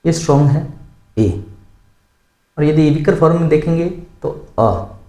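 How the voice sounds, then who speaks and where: A man's voice: fairly high pitch, level tone, quick pace, mellow. A man teaching a grammar lesson in a somewhat raised voice. He explains step by step, repeats the key words and stops to ask learners questions. The sound is roomy and echoey. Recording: echoey room.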